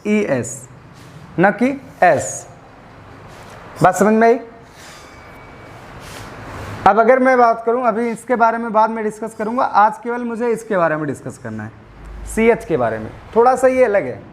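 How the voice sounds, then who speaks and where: Guy teaching english grammar, high voice, spells letters out slow and quizzes the class then answers himself. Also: expressive, a little hiss or hum. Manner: asks students questions and answers them himself; spells out letters slowly, stresses pronunciation. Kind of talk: classroom lecture.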